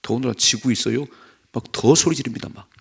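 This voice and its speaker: A man preaching at a dawn prayer service, swinging between loud, emphatic points and hushed asides. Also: medium pitch, quick pace, vocal fry, breathy edge. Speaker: pastor.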